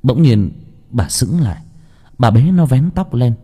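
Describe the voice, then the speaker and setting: A man narrating an audiobook story in an expressive storytelling manner. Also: medium pitch, unhurried, slightly rough.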